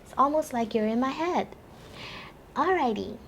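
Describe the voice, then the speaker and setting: A woman's voice: high-pitched, lively intonation, moderate pace, a little hiss or hum. A bubbly young woman giving a chatty pick-a-card tarot reading, laughing often. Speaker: tarot reader.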